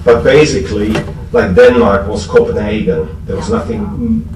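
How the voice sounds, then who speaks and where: This is a German-accented man with a mid-range voice and big swings in pitch, telling an audience at a recovery fellowship convention about earlier times. His informal talk stops and starts, laced with deadpan self-deprecation. It was recorded at a distance in a noisy, reverberant room.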